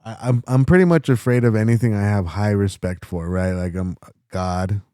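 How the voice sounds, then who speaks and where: A man's voice: fairly low pitch, moderate pace, dark tone, clear, resonant tone, no room sound, studio quality. A man hosting a casual podcast, rambling and swearing in a laid-back way. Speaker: podcast host. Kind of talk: casual chat.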